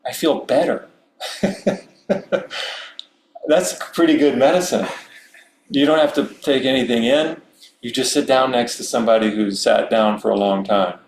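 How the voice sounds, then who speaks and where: A middle-aged man from Maryland speaking as a Zen priest, giving a relaxed, unhurried Dharma talk with many fillers and soft chuckles. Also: mid-range voice. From Maryland, USA. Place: meditation hall. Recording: roomy hall with faint hum.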